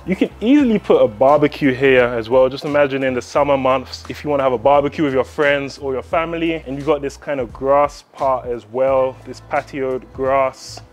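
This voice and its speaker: A young man with a London accent giving an upbeat house tour, talking straight to viewers. His voice sits in a middle range and bounces around bare, echoey rooms. Soft music plays underneath. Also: mid-range voice, moderate pace, few pauses. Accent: London English. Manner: upbeat, enthusiastic, addresses viewers directly. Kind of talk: walk-through property tour. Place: empty newly built house, indoor rooms and garden.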